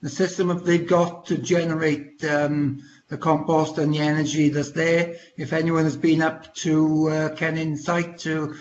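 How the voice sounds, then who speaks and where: A man answering a question in an online council meeting, halting and full of ums, his video call audio glitching and breaking up. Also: fairly high pitch, flat delivery. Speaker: council deputy leader. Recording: muffled call audio with faint hiss.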